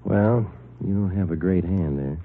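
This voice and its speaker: An actor playing a terse, businesslike police detective sergeant in a 1940s radio crime drama, speaking in a matter-of-fact way. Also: male voice, sits low, unhurried, slight background noise. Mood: calm, matter-of-fact. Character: clipped, businesslike police detective sergeant, urgent under pressure. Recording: tinny muffled old 1940s radio, music behind.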